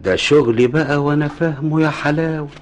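An actor with an Egyptian accent playing a sly, smug crook scheming with a partner in a radio drama. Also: male voice, on the high side, steady tone, fast talker, natural voice. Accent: Egyptian Arabic. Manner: smug, teasing.

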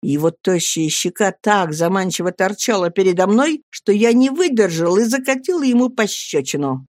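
A man narrating a first-person novel as an audiobook, in a lively, emphatic storytelling manner. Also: high voice, moderate pace, no echo, clean studio sound.

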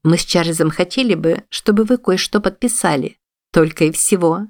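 A woman reading an audiobook, voicing a cold, composed woman who threatens in a calm, even tone. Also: on the low side, moderate pace, dry recording, studio quality, lightly acted. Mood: cool. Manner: calm, quietly menacing.

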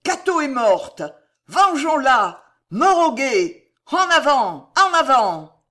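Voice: high-pitched, big pitch swings, slow pace, sharp tone, pitched above the performer's own voice, exaggerated voice. A reader voicing a furious mob of street women screaming battle cries.

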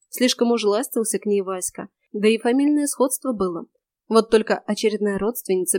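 A woman's voice: medium pitch, darkish tone, dry recording. A woman narrating a first-person audiobook in a dry, sardonic manner.

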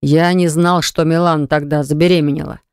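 Woman narrator doing grown man, gruff, terse, defensive, audiobook, dry close sound. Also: low voice, little pitch movement, brisk, darkish tone, no echo, lightly acted. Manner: terse, sighing.

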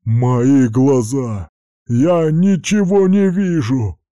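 A man voicing a huge, brutal, boastful male fighter in an audiobook, drawing out his lines in a slow snarl. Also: mid-range voice, sing-song, mellow, no room sound, lo-fi sound. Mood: enraged.

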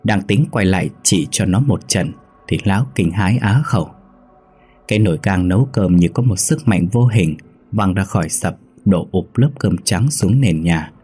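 A man telling a horror story in a slow, measured narration. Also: low voice, expressive, a little mellow, breathy edge.

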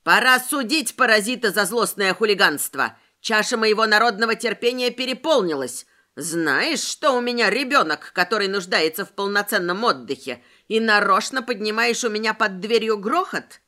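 A woman reading a storybook aloud, voicing a loud, bossy middle-aged neighbour woman who rants indignantly. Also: lively intonation, normal speed, hardly any pauses. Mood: indignant ranting. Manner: booming, indignant ranting.

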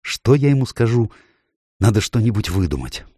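A man's voice: fairly low pitch, sing-song, moderate pace, dark tone, husky, dry recording, clean studio sound, voice pushed up. A man voicing a wary, ragged young runaway boy who answers defiantly.

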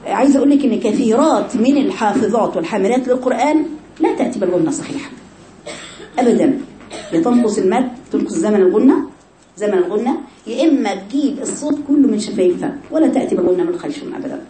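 An Egyptian woman teaches recitation rules at a quick clip, her voice mellow and dark. She keeps asking her listeners questions and acts out the errors herself. The room is echoey, with a faint hiss of noise behind her. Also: mid-range voice, lively intonation. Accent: Egyptian Arabic. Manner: explains with rhetorical questions and demonstrates recitation errors. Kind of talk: tajweed lesson to women.

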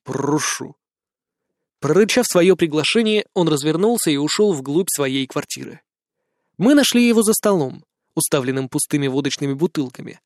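A man narrating an audiobook in the first person, with even, measured storytelling. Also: on the high side, dry recording, studio quality.

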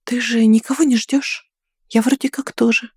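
A woman reading an audiobook and voicing a bold young woman who defends her friend with sharp, threatening words. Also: a little high, steady tone, moderate pace, husky, no echo, studio quality. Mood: hushed. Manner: sharp, threatening, then coaxing.

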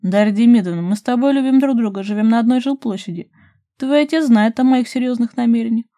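A gruff, loving major from a romance audiobook, as a woman reader puts him on. He grumbles in mock annoyance and drops to husky whispers, in a mellow warm tone. The recording is dry and close. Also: medium pitch, fast talker, no echo. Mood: firm.

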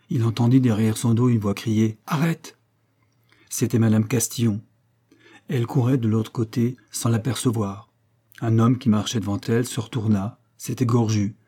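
Dark husky male narrator. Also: fairly low pitch. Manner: slow, measured. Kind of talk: audiobook reading of a classic novel.

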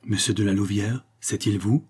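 A stammering, uneasy village craftsman, as a male reader plays him, speaking in a hushed and troubled way. The voice is low, dark and very husky. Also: steady tone, moderate pace.

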